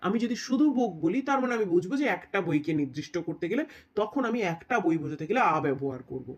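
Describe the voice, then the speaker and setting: A man teaching a grammar lesson, explaining step by step, reading examples out slowly and often asking his students whether it is clear. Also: sits high, very animated, highs cut off. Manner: explains step by step, checks in with "right?"; reads English examples slowly.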